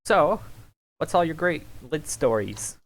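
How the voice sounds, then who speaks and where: This young co-host chats casually with friends on a podcast, joking around and laughing easily. The voice swings widely in pitch, bouncing up and down as they talk, and sits in a middle register. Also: very animated, slow. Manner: playful, laughs often, jokey. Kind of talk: casual chat among friends.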